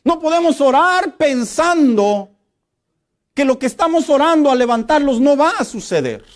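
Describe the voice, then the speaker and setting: A middle-aged male pastor, preaching a lively, humorous sermon and acting out quotes. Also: very high-pitched, moderate pace.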